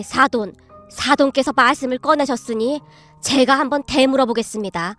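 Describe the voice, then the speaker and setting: A woman voicing a sharp, outspoken elderly grandmother in a storybook tale, arguing forcefully. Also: sits high.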